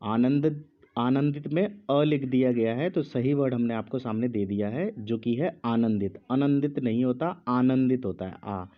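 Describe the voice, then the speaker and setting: Slow, deliberate male teacher. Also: medium pitch, phone-quality sound. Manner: speaks slowly with pauses, repeats each word. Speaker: Hindi teacher. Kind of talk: slow dictation lesson.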